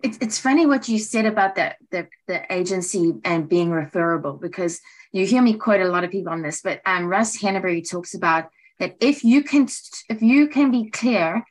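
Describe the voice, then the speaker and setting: A woman's voice: medium pitch, expressive, moderate pace, low-quality recording. A woman with an American accent co-hosting a casual talk for writers, upbeat and affirming, with many casual fillers. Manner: upbeat, affirming, uses 'like' often. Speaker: co-host, director of training. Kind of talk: casual conversational chat.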